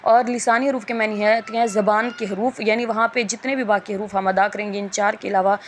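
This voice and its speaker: Woman teacher, patient and explanatory, mid pitch, slight background hiss. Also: steady tone. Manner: patient, explanatory, drawn-out letter sounds. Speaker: Quran reading teacher. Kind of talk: Urdu lesson lecture.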